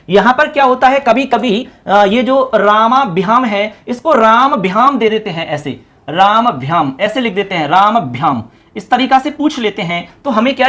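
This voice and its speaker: A male teacher giving an exam-prep grammar lesson, chanting word forms in quick runs and talking to viewers as friends. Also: sits high, a bit bright. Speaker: Sanskrit teacher.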